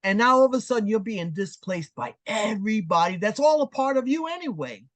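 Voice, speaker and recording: A woman in her sixties from New York City, telling her story as an interview guest in an animated, emphatic way. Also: mid-range voice, a little fast, dry recording. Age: 60s. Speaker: guest artist. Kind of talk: casual interview chat.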